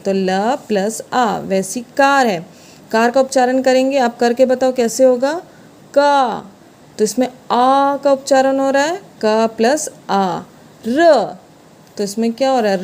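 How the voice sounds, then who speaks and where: Higher-pitched woman teaching grammar. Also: a little mellow. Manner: explains step by step, asks questions and answers them herself; sounds out letters slowly. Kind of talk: classroom-style grammar lesson.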